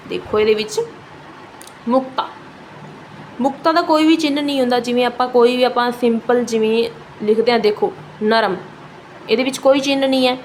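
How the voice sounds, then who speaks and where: A woman teaching a lesson. She asks questions and answers them herself, and she draws out her example words slowly. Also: on the high side, a little hiss or hum, poor audio.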